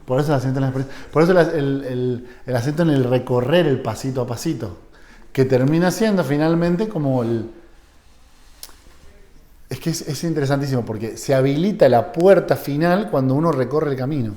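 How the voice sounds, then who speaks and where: A man's voice: medium pitch, brisk, warm tone. A man giving a live seminar lecture. He talks conversationally, checks often that the audience follows, and acts out short bits of quoted dialogue.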